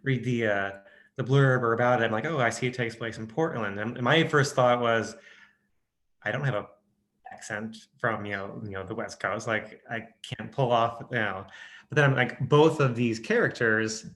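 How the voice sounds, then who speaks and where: An audiobook narrator with a Midwestern American accent chats casually in an interview, hesitant, with many restarts and fillers. His medium-pitched voice has a fairly bright tone at normal speed.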